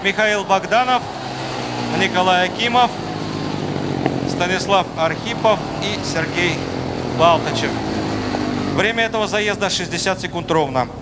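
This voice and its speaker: A man's voice: sits high, measured pace, pauses often. A man giving live race commentary as a sports commentator in an announcer-like manner. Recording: noisy outdoor track, engine noise behind. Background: motorbike engines and outdoor ambience.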